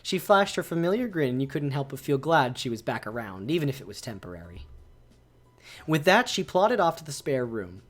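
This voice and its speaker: A male streamer reads a visual novel aloud to his viewers. He breaks off to react to the choices with excited exclamations, his pitch swinging widely. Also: brisk. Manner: animated, exclaims and reacts while reading.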